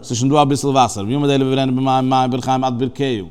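A man's voice: mid-range voice, flat delivery, very fast, a little mellow, smooth. A man teaching a religious text, explaining its Hebrew terms phrase by phrase in a conversational way. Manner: conversational, with restarts and fillers. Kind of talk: text study lesson.

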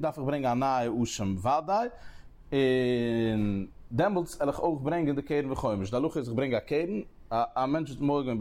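A man giving a Talmud lesson at a steady, mid-range pitch. He works through each step in turn and lifts his voice sharply upward when he stresses a point. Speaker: Talmud teacher. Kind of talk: Talmud study lecture.

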